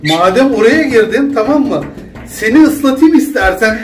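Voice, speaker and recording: A man talking casually at home, pleading and gently scolding with repeated short commands to calm down. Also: extremely high pitch, normal speed. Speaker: father filming his daughter at play.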